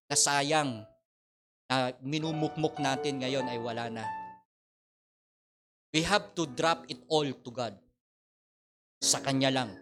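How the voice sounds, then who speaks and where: A middle-aged man with a Filipino accent preaching a sermon as pastor, swinging between loud appeals and quiet asides. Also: medium pitch. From Philippines.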